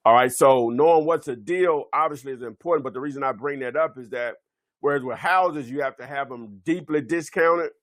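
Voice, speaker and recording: A man's voice: medium pitch, brisk, no echo. Rambling man teaching real estate. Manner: rambling, many fillers and self-corrections. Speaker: real estate webinar presenter. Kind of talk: unscripted instructional webinar talk.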